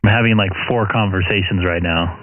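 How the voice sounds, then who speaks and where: Man, low voice, casual livestream host, ham radio operator, halting explanatory talk. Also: steady tone, narrow, tinny audio, heavy background noise. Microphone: studio microphone through mixer.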